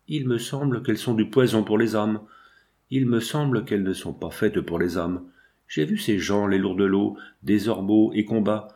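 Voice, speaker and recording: A man's voice: fairly low pitch, darkish tone. A man voicing an earnest young woman, wounded and reproachful, in a read-aloud novel. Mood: pleading.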